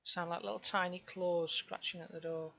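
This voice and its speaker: A woman's voice: lowish voice, steady tone, moderate pace, vocal fry, fairly bright tone, lo-fi sound. A woman running a tabletop game as game master, narrating and explaining in a hesitant, improvised way.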